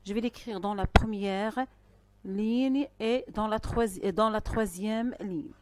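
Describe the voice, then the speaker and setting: A woman teaching a primary school spelling lesson, speaking slowly and carefully with pauses between phrases. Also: medium pitch, noisy background. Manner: slow, careful dictation-style delivery with pauses. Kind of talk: recorded online lesson.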